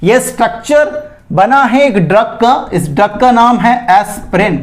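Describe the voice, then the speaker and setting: A man's voice: very high voice, lively intonation, a little slow. A man from India teaching an exam-prep chemistry lecture in a chatty way, calling his students "beta" and "bhai" and checking in with "theek hai" again and again. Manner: keeps repeating "theek hai" and "ye dhyan rakhen".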